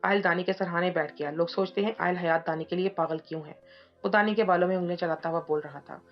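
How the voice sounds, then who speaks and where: A woman narrating a romantic novel in a steady storytelling manner. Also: lowish voice, fast. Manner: steady storytelling, reading all parts in her own voice. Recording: dull lo-fi audio with soft music behind.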